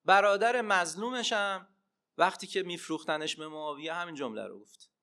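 A man preaching a religious sermon and telling stories, swinging between loud emphatic cries and hushed asides. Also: high voice. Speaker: preacher and Arabic teacher.

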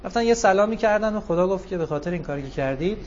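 A man giving a sermon, telling stories with animated, rising emphasis. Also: high-pitched, dull audio, a little hiss or hum. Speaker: religious speaker. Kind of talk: sermon with storytelling.

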